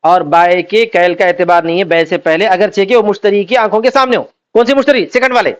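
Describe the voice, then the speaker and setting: A man teaching Islamic law, reading out Arabic text and then explaining it by asking and answering his own questions. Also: high voice. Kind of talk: classroom lecture. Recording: dull lo-fi recording.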